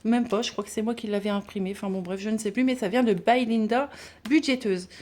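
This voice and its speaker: A woman vlogging casually about her budget binders, chatty and halting with many fillers and restarts. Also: a little high, a little mellow. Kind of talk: casual chat showing binders.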